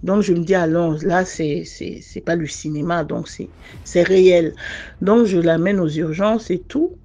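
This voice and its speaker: A woman telling her own story in a casual, earnest way. She often pauses and restarts as she talks. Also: on the low side, mellow. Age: adult mother. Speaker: listener sharing a personal testimony. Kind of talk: casual first-person storytelling.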